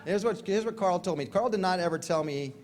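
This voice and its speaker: A man speaking to a convention crowd as a recovery speaker, telling his story in a jokey, slangy way with quick asides. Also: high-pitched, darkish tone.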